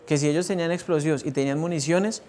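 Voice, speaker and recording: A man in a measured technical explanation, interviewed as a weapons expert. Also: a little high, steady tone, a little mellow, slight background noise.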